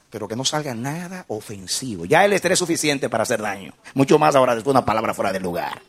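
A man's voice: medium pitch, slightly rough. A middle-aged man preaching a sermon as a pastor, impassioned and building to emphatic peaks.

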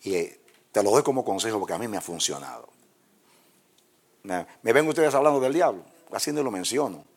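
Animated preacher man. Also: a little fast, long pauses, slightly rough. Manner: animated storytelling, acts out dialogue with God and the devil; swings from low murmurs to high cries. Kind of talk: sermon.

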